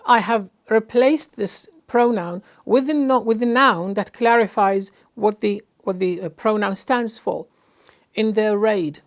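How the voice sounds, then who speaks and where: A woman giving a Qur'anic translation lesson, explaining carefully with frequent fillers and restarts, and reciting Arabic verses. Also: fairly high pitch.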